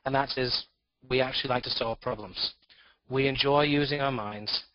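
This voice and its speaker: A man's voice: medium pitch, moderate pace, slight background noise. Presenter, male, voice masked with distortion, formal delivery with dry asides, dull lo-fi call audio. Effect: distorted voice disguise. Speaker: forum presenter. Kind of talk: prepared presentation. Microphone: conference call.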